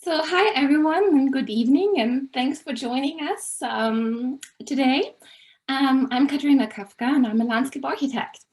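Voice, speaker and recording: A woman's voice: high voice, normal speed, darkish tone. Hesitant Austrian-born woman presenter. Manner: thoughtful, with frequent hesitations. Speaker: landscape architect tour guide. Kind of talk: casual presentation.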